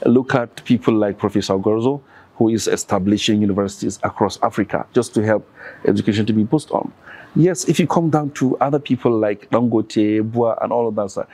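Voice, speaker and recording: Brisk and dark-toned, this man's low-leaning voice carries a Nigerian accent from the country's north. As a podcast interviewee, he presses example after example in an earnest, insistent way.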